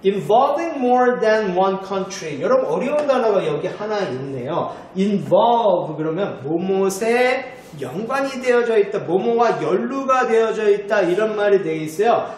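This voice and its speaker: A man teaching English vocabulary to students in a chatty way, often checking in with a quick "right?". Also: high-pitched. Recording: very echoey room with faint noise.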